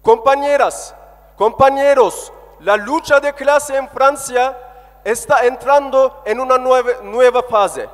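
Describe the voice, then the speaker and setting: High-pitched man orating in an echoey hall. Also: slow. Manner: declamatory, impassioned oratory in short emphatic phrases. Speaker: political activist giving a speech at a rally. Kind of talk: political rally speech. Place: indoor hall at a public meeting, speaking from a lectern. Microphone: stand microphone at lectern through PA. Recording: echoey hall, long reverb.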